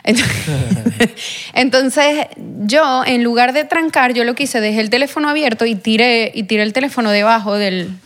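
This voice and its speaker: A young adult woman, a podcast guest who tells a personal story in an earnest, halting way, full of fillers and restarts. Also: a little high. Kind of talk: personal testimony in a podcast interview.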